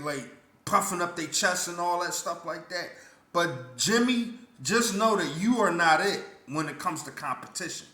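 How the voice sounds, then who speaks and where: A man's voice: high voice, pushed and bright. Indignant man ranting in a roomy echo. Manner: repetitive, stammering restarts, blunt and indignant. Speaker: vlogger. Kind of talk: casual opinion rant.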